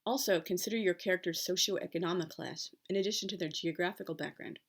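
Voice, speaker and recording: A woman with a Pittsburgh accent giving informal explanatory talk as a writer, in a halting, rambling and opinionated way. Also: lowish voice. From Pittsburgh, Pennsylvania, United States. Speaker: writer giving writing advice.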